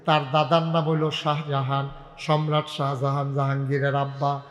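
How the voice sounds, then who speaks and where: A man with a regional Bangladeshi Bengali accent preaching a waz sermon, telling a story in soft quoted dialogue and rising to loud, chanted calls that ask the crowd to respond. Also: a little high, completely flat delivery, moderate pace, big-room sound. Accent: regional rural Bangladeshi Bengali dialect.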